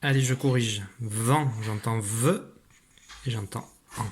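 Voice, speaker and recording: A man, a teacher giving a recorded spelling dictation, patient and clear, slowly articulating each sound. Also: medium pitch, fairly even intonation, a little hiss or hum.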